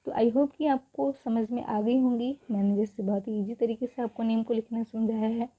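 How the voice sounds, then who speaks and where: A woman teaching spelling in Hindi, spelling words out slowly letter by letter, repeating each word and asking rhetorical questions. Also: on the high side, steady tone. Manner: asks rhetorical questions to the viewer. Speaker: English teacher. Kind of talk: spelling lesson, Hindi explanation. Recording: dull lo-fi recording.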